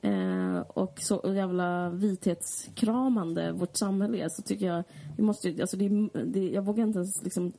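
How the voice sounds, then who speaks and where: A woman co-hosting a casual podcast, frank and sardonic as she rambles along. Her voice has a gravelly fry and a dark, mellow tone. Her pitch sits mid-range. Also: steady tone, few pauses, slight background noise. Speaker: podcast co-host. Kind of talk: casual chat.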